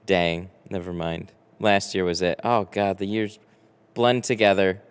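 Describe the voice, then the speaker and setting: Flat in delivery and sitting low, his smooth voice belongs to an American window tinter in his early thirties who hosts a livestream. He responds to viewers casually, halting now and then as he thinks aloud. A close boom-arm microphone records him in a large garage workshop with a boat, where a long, hall-like reverb hangs on every word.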